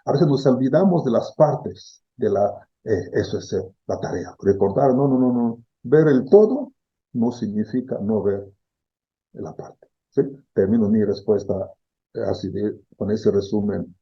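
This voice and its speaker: Explaining ideas reflectively as an interview guest, this middle-aged Congolese philosophy professor keeps asking "¿sí?" and repeats his key words. His lowish voice is slightly rough, with lively intonation at a measured pace, and the recording lacks high frequencies.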